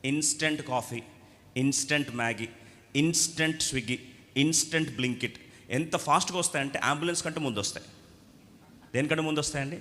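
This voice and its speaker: A male preacher delivers a sermon with a bright, forceful tone and a fairly high voice. He questions his listeners and acts out quoted speech. His voice rings through a hall with a long reverb. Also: brisk, long pauses.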